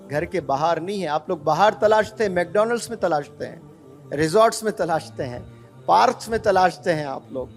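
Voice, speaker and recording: A male preacher giving an earnest sermon, putting rhetorical questions to young people. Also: high voice.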